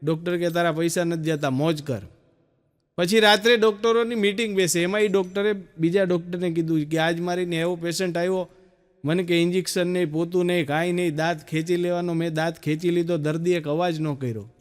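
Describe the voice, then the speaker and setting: A man with a Gujarati accent telling stand-up jokes, storytelling and acting out quick dialogue. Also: high voice, steady tone, smooth. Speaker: stand-up comedian.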